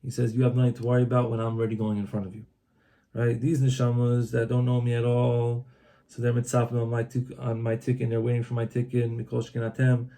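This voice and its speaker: Male reader: deep, mellow and fried tone, informal retelling of a religious text, halting with frequent restarts. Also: completely flat delivery. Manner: translates as he reads, halting with restarts. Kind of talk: loose spoken retelling of a book. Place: Old City of Tzfat, Israel.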